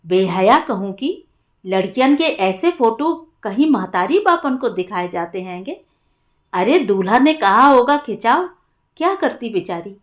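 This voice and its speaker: A woman voicing a stern, old-fashioned village mother-in-law who scolds in rustic speech, with a slow, higher voice. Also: big pitch swings. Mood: scolding. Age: older.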